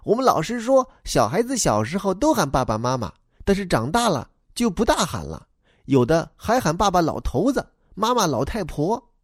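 A man's voice: high voice, big pitch swings, normal speed, breathy edge, no echo, clean studio sound, voice pushed up, full character voice. A man voicing a talkative young schoolboy in a storybook reading, eager and rambling.

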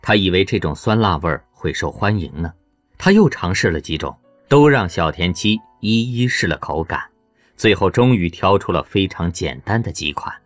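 A man reading an audiobook novel as its narrator, in a lively storytelling way. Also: deep voice, moderate pace, dry recording, soft background music. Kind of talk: scripted narration.

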